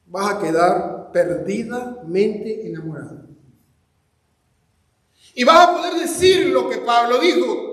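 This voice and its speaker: A man preaching a sermon as pastor, impassioned and speaking straight to his congregation, often rising to shouts. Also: very high voice. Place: church hall. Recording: echoey hall with long reverb.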